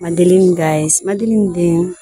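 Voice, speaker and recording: A woman, a paranormal investigator vlogger, softly coaxing and pleading with spirits outdoors at night. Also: fairly low pitch, fairly even intonation, measured pace, slightly rough, no room sound. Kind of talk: casual ghost-hunting vlog. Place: outdoors at a bus depot at night.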